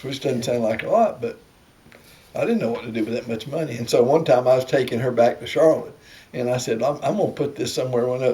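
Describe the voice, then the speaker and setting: A man's voice: medium pitch, mellow. An older man with an Appalachian Southern accent, telling rambling, folksy anecdotes in casual conversation. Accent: Appalachian Southern American. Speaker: storyteller sharing family memories.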